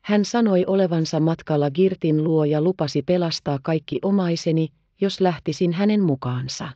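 A woman's voice: low-pitched, dark tone, dry recording. A woman reading the part of a young frontier woman, speaking in defiant, urgent exclamations. The audio is slightly dull. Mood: breathless, frightened.

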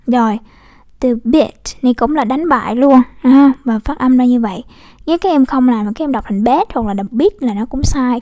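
High-voiced woman teaching English pronunciation. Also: dark tone. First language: Vietnamese. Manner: repeats model words slowly, checks with "đúng không?". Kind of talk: casual classroom explanation.

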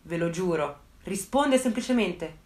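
A woman's voice: on the low side, lively intonation, unhurried, a little mellow, reverberant. A woman narrating a true crime story to her viewers, indignant and breaking off with outraged asides.

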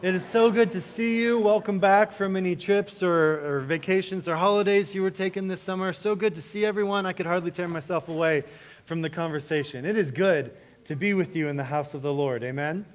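A pastor making friendly, relaxed church announcements, a man with a slightly high voice. He talks easily to his congregation in the sanctuary and often says "um" between his points. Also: a little fast.

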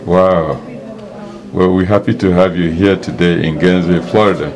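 Deep-voiced man interviewing mourners. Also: fairly even intonation, normal speed, a crowd in the background. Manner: warm, chatty, frequent affirmations. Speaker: interviewer at a memorial service. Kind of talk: casual interview. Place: church hall.

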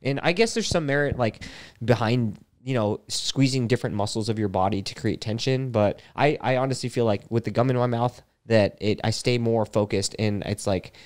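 A man's voice: medium pitch, normal speed, darkish tone. A man co-hosting a podcast in casual chat, easygoing and agreeable, often chiming in with short affirmations. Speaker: podcast co-host.

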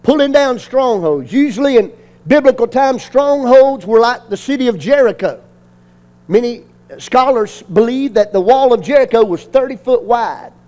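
Guy pastor, real high voice, preaching and getting the crowd to answer back. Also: animated, normal speed, a little mellow. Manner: call-and-response preaching with repetition and emphasis. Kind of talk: sermon.

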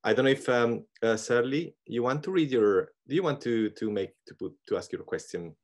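A man with an Italian accent moderating an academic webinar over a video call, halting and searching for words. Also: mid-range voice, lively intonation, darkish tone.

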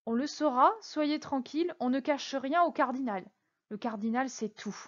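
A cunning old cardinal, icy and in full command, read by a woman, speaks slowly, low and soft, with quiet menace in every word. The recording sounds muffled and lo-fi. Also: lightly acted. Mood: stern.

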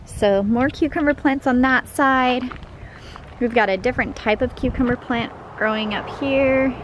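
Walking with a handheld camera, a young woman gives an enthusiastic, chatty tour of her backyard vegetable garden, pointing out what she passes. Her high voice moves at a moderate pace, and the outdoor camera audio has its highs cut off and obvious background noise.

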